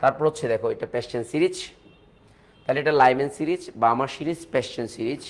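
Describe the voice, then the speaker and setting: A man with a Bangladeshi accent teaching a chemistry lecture, repeating key points and mixing in English phrases. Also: medium pitch. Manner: fast, repetitive teaching talk with English mixed in.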